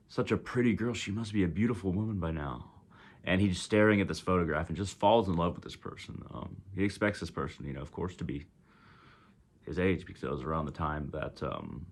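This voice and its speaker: A man with a Texas accent casually retelling a story, rambling with many ums and self-corrections. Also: deep voice. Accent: Texan.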